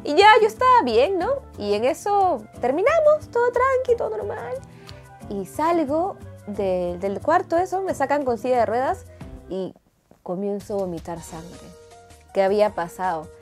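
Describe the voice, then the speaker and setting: A woman with a Peruvian Spanish accent, telling a story to camera in a dramatic, animated way with crude slang. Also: sits high, moderate pace, faint music behind. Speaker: vlogger.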